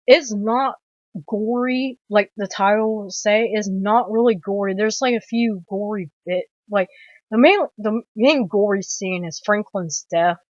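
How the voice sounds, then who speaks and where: A woman talks through a film review in a loose, rambling way, packing her sentences with "like" and restarts and swearing now and then. Her voice sits at an ordinary middle pitch. The sound is dry and dull, like a lo-fi recording. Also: unhurried, darkish tone, no echo. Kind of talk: casual film review retelling a plot.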